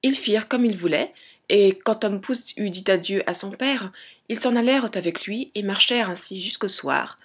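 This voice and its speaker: A woman reading a fairy tale aloud as a storyteller, in a gentle, measured way. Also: mid-range voice, slightly rough.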